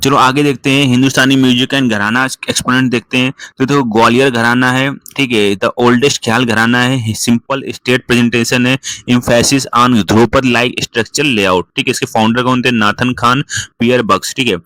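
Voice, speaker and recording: A male coaching teacher giving a fast revision lecture, rattling off lists and mixing Hindi with terms, with a constant filler of "theek hai". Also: mid-range voice, steady tone, fairly bright tone, dry recording, poor audio. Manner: rattles off lists, switches freely between Hindi and English terms; keeps adding "ठीक है" as a filler.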